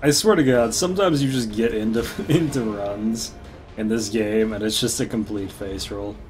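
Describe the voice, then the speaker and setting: Laid-back male streamer, lower voice, loose rambling commentary with frequent laughs. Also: moderate pace, soft background music. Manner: rambling, laughs often, swears casually. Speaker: gaming streamer. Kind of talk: casual let's-play commentary.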